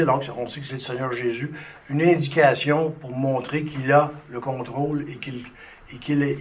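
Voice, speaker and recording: A man's voice: fairly high pitch, a bit bright. A man preaching in a conversational way. He breaks off into fillers and restarts and reads scripture aloud. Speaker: preacher teaching a Bible study. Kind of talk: sermon-style Bible teaching.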